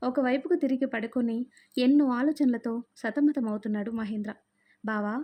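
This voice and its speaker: A woman storyteller reading a romance story in a steady, measured way. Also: a little high. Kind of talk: scripted story narration. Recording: dull lo-fi sound.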